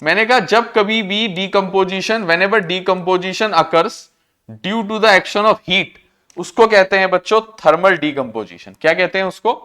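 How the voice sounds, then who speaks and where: A man teaching a class, repeating key terms, slowing down to dictate definitions and quizzing students on what was just said. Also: high-pitched, bright, forceful tone. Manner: slows to a dictation pace for English definitions; addresses students as children. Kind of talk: classroom lecture.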